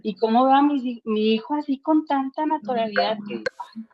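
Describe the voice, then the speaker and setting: A woman's voice: sits high, brisk. Earnest mother, lo-fi call. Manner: earnest storytelling with many fillers and restarts. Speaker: book club member. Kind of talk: casual chat and reading aloud.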